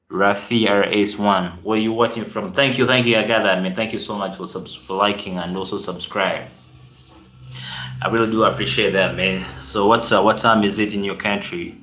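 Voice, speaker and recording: A man with a Ugandan accent hosts a relaxed live stream, chatting to viewers and reading their comments aloud. His voice sits fairly low and sounds roomy, with echo from the space around him. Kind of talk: casual live-stream chat.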